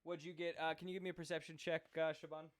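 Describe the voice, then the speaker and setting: Halting, casual man running the game. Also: a little high, little pitch movement. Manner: halting, full of fillers, casual. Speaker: game master. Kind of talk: running a tabletop game online.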